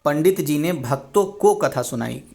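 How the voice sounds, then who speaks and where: A man's voice: fairly high pitch, lively intonation, measured pace, vocal fry, a little mellow. A man teaching Hindi grammar for an exam, reading wrong sentences and explaining the correct forms, often repeating himself and correcting his own slips.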